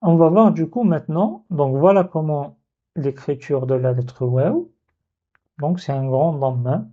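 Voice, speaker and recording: A man's voice: a little high, unhurried. A man teaching an Arabic letter in a video lesson, patiently repeating sounds and breaking words into syllables. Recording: dull lo-fi recording.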